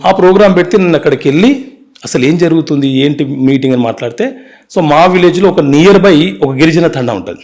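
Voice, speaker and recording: A man, an advocate telling his life story in an interview, earnest and brisk, mixing in English words. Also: a little high, expressive, a little mellow.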